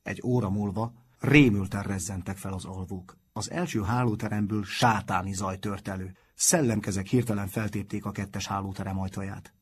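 Low husky male narrator. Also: steady tone. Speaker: audiobook narrator. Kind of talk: scripted narration.

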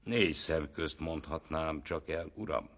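A man's voice: rumbling low, fairly bright tone. A man voicing a sly, bold poor peasant in a folk tale. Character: cheeky, down-to-earth poor male peasant.

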